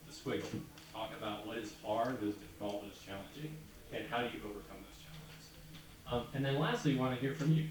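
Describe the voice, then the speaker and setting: A man moderating a panel discussion in a relaxed, conversational way. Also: lowish voice. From United States. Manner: relaxed, conversational, informal fillers. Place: large conference hall. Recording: echoey hall from far off with audience.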